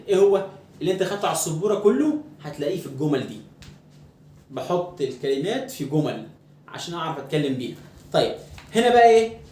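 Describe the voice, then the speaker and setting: Lively Egyptian male English teacher. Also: high-pitched, roomy sound. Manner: lively, asks and answers his own questions, reads English words slowly. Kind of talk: classroom lesson explaining English phrases in Egyptian Arabic.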